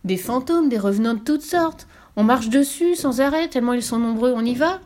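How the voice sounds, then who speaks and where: A woman voicing a bold, cheeky little girl who boasts loudly and teases, in a children's storybook reading. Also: a little high, fairly quick, voice pushed up, close to an everyday voice. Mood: boastful. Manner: lively, teasing, loud.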